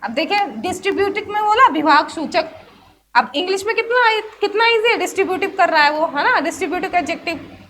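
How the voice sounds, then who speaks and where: A woman gives an English grammar lesson in a chatty classroom way, often putting a question and answering it herself. Her voice sits very high and sounds bright and forceful. A faint hiss runs under the recording. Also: lively intonation, fast. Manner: chatty teacher who asks herself questions and answers them. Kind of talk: explanatory class lesson mixing Hindi and English.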